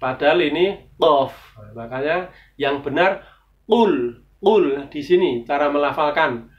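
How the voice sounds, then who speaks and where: Over-enunciating man, very slow. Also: a little high, expressive, far from the mic. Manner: over-enunciating, pronouncing syllable by syllable. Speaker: Quran reading teacher. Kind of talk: instructional lesson with slow Quran recitation. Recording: dull, lo-fi sound.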